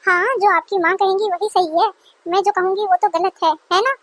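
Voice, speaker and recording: A woman's voice: very high voice, fairly even intonation, moderate pace, a bit bright, no echo. A woman voicing an aggrieved young newlywed wife who argues indignantly with her in-laws, in a dry close recording. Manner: indignant, complaining.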